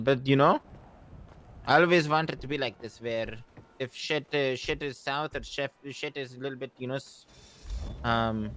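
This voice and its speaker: A man in a casual roleplay conversation, speaking reflectively and haltingly, often saying "you know". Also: mid-range voice, a bit bright, a little hiss or hum. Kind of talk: in-character gaming roleplay conversation.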